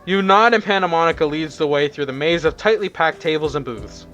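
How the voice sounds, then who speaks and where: A man's voice: fairly high pitch, brisk, bright, forceful tone, soft background music. A man narrating a fan visual novel aloud, often stumbling and rereading words, with chatty asides. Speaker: narrator reading a fan game.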